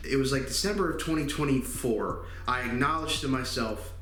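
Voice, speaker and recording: A man in his twenties talking candidly in a personal vlog, halting often with fillers. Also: mid-range voice, a bit bright, soft background music. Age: 20s. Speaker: channel host. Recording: echoey room.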